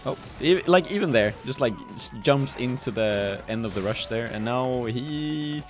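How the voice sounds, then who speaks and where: A man casting a fighting game tournament in a relaxed, chatty way, with many fillers and frequent chuckles. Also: medium pitch, measured pace. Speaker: esports caster. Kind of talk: casual game commentary. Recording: music playing behind.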